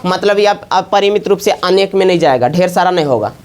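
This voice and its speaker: A woman's voice: fairly low pitch, animated, brisk, darkish tone. A woman teaching math to a class at the board, often asking the students to check along. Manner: asks the class constant check questions.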